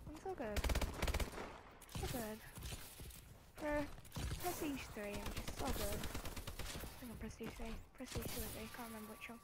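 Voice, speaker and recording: A woman's voice: fairly high pitch, a little fast. A woman giving casual, chatty commentary while playing a video game. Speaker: gamer. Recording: loud game noise over voice. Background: video game gunfire and clicks.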